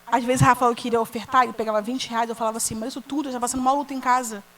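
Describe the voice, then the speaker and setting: High-voiced Brazilian woman preaching. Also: steady tone, rapid-fire, a bit bright, low-quality recording. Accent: Brazilian Portuguese. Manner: earnest storytelling, addressing the congregation directly. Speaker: women's ministry leader. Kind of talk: sermon.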